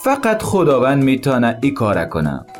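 A man's voice: mid-range voice, wildly swooping pitch, faint music behind. A man telling a Bible story to his daughters as a father. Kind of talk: storytelling to children.

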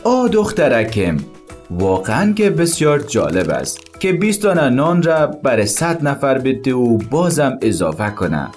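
A man's voice: medium pitch, sing-song, a little mellow, faint music behind. A man telling a Bible story to his daughters as a father. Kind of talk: storytelling to children.

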